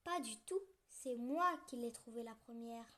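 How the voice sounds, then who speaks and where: A woman voicing a small female mouse in a children's story, bright and quick to grumble. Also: sits high. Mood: lively.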